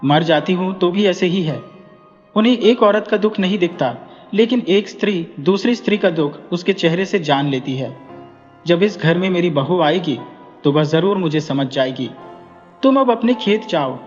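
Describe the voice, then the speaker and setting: A man's voice: sits high, lively intonation, normal speed. A man voicing a weary scolding old mother. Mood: insistent. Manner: scolding, complaining. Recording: dull echoey recording with music.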